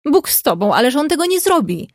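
A woman reading the part of a bold, warm-hearted young woman who speaks earnestly and coaxingly. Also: high-pitched, big pitch swings, brisk, no echo, clean studio sound, voice pushed up.

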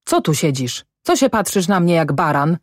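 A woman's voice: fairly low pitch, very animated, normal speed, no room sound, studio quality. A woman voicing an angry, stubborn peasant farm wife in an audiobook, scolding her husband with a rising voice. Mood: furious. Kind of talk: audiobook character voice.

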